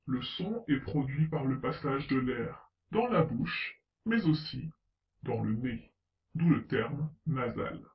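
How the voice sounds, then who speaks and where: A man giving a scripted pronunciation lesson, slowly spelling out letters and example words. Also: medium pitch, lively intonation. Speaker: French pronunciation teacher. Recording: roomy, distant, slightly dull sound.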